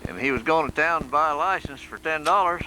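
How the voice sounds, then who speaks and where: A man's voice: fairly high pitch, quick pace, bright, forceful tone, a little hiss or hum, rough recording. A man chatting with humor while filming a family vacation outdoors by a lake, recorded on an old VHS camcorder tape. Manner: chatty, tells stories with humor. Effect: old VHS home video tape sound. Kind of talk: casual home video chat. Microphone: camcorder mic.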